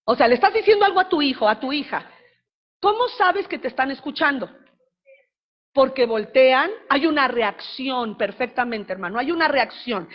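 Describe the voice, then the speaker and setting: A woman's voice: high voice, muffled recording. A middle-aged woman pastor, preaching a sermon in a conversational way and asking the congregation questions.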